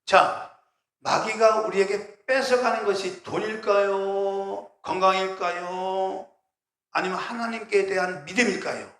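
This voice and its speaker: A man's voice: high voice, unhurried, a bit bright. Emphatic man preaching in an echoey hall. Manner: questioning the congregation, emphatic. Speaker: pastor. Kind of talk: sermon. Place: church.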